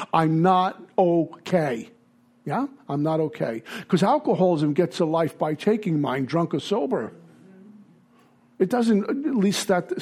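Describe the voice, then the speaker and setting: A man from Brooklyn with a Brooklyn accent, giving a blunt, halting personal testimony at a recovery meeting. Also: a little high, a little mellow. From Brooklyn, New York. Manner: blunt, halting, with many fillers.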